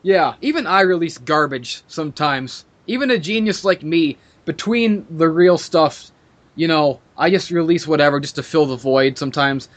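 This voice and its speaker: A man's voice: a little high, moderate pace, fairly bright tone. A man hosting a podcast, ranting in a profane, sarcastic and mock-arrogant way in casual chat. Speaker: podcast host.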